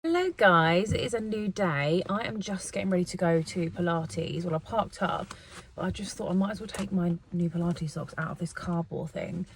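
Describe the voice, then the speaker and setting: A woman's voice: fairly low pitch, normal speed, slight background noise. A woman in her twenties chatting casually to camera for her vlog, rambling and correcting herself as she goes. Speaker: vlogger. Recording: dull lo-fi phone audio.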